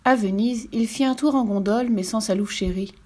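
A woman reading a children's storybook aloud as the narrator, in a lively, expressive way. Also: fairly high pitch, brisk.

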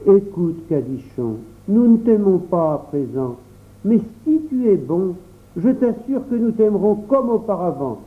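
A man doing a gentle little boy. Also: high-pitched, very animated, measured pace, slight background noise, pitched above the performer's own voice. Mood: earnest. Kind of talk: storybook narration. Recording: tinny phone-like audio.

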